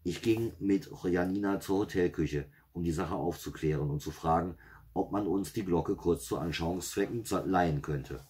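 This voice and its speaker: A man's voice: deep voice, normal speed, warm tone. A man reading his own first-person story aloud in a dry, wry manner.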